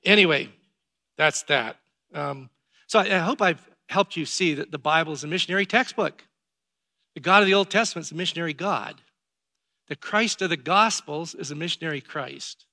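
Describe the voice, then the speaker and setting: A pastor preaching a sermon to his congregation, emphatic and building to loud exhortation. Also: fairly high pitch, moderate pace.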